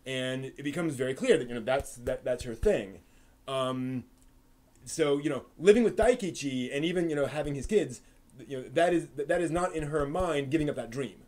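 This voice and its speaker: His mid-range voice has a darkish tone and moves at a normal speed. Hosting an anime stream, the man chats casually with viewers, often starting over and filling pauses as he talks things through.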